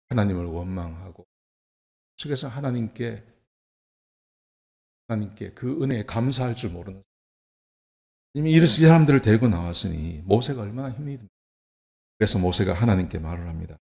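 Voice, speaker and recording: A man preaching a sermon as pastor, talking conversationally with rhetorical questions and swinging from soft to emphatic. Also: on the low side, creaky. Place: church.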